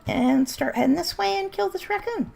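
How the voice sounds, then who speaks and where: A woman's voice: very high voice, animated, normal speed, gravelly, a little mellow. A woman chatting casually and bluntly while streaming a game, laughing often and starting to lose her voice. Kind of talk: casual livestream chat while gaming.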